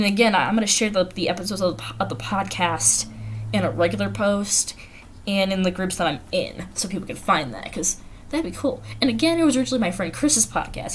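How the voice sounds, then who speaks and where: Speaking in a mid-range voice, this Carolinas-born American woman runs a casual livestream, giggling as she reads out comments from viewers. The audio comes from a noisy home setup.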